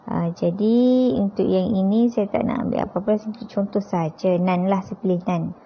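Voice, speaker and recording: A woman teaches an app step by step in a Malaysian accent, speaking at normal speed with a medium pitch and fairly even intonation. The informal tutorial is conversational, peppered with tag questions to check in. There's a slight hiss or hum, and the sound is dull and lo-fi.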